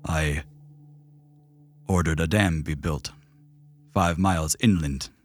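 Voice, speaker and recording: A man voicing a distant, grave memory voice. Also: extremely low pitch. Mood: somber. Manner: slow, grave, reflective. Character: remorseful male leader recalling a past decision. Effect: distant memory voice drawing closer. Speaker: game master.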